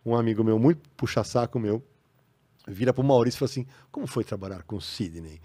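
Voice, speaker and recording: A man with a Brazilian Portuguese accent, a podcast guest telling stories in a casual, animated way. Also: mid-range voice, fast talker. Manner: animated, acts out quoted voices. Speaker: podcast guest, comics writer. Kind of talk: casual storytelling. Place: podcast studio.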